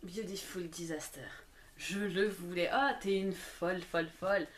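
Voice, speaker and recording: A young woman, a book blogger, chatting casually and gushing with excitement as she opens presents at home. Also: fairly low pitch, a little slow, slight background noise. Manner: excitable, gushing, full of exclamations. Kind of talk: casual unboxing chat.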